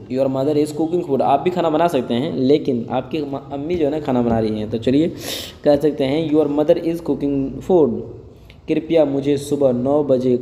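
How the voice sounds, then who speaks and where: A man teaching spoken English, saying each phrase slowly twice and then explaining it quickly in Hindi. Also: mid-range voice, warm tone, in a large hall.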